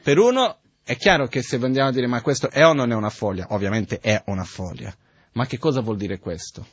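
A man gives a relaxed Buddhist teaching, pausing often to check that his listeners are following along. His voice is husky and mid-pitched. The recording is dry and a little dull. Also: no echo. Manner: conversational, checks in with the audience often. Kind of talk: spoken dharma teaching.

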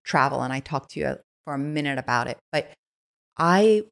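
Speaking at a moderate pace in a rumbling low, expressive voice edged with vocal fry, this Swiss woman tells stories as a podcast guest. She's enthusiastic and conversational, with plenty of "like" fillers.

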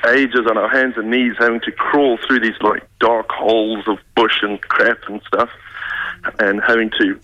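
A man's voice: lowish voice, little pitch movement, moderate pace, sharp tone. A man with a New Zealand accent calling a radio show by phone and casually telling a story. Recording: dull phone line.

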